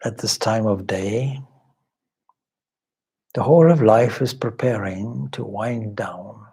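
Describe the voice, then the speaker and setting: With a warm, husky, lowish voice, a man leads a guided meditation as a spiritual teacher. He offers slow, formal, contemplative instruction in short, deliberate phrases separated by long silences.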